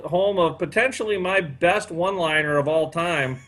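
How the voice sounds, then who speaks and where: A man's voice: on the high side, normal speed, a bit bright. A man in his fifties hosting a casual chat, rambling with many fillers. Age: 50s. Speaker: podcast host.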